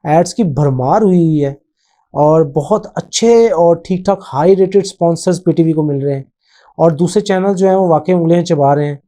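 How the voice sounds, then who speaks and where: A man hosts his own channel in relaxed, off-the-cuff commentary. His voice sits somewhat high, yet the tone is deeply mellow and unforced. He rambles with frequent hesitations and drops English phrases into his talk. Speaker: channel host. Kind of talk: casual spoken commentary.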